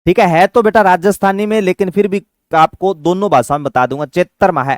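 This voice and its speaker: High-pitched and recorded without room sound, a male teacher runs an exam-prep class with a fatherly warmth. He raises questions only to answer them, and he chants mnemonics at a slow pace.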